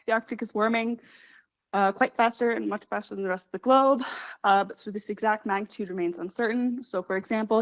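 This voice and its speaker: A young woman, a graduate student, presenting her research at a scientific conference, talking quickly with many fillers and self-corrections. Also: medium pitch. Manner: fast, hurried delivery with frequent fillers and self-corrections.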